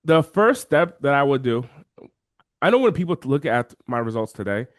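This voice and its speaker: Animated man pitching his webinar system. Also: moderate pace, dry recording, studio quality. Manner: animated, acts out quoted chat voices. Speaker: interview guest, software coach. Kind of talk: energetic screen-share walkthrough.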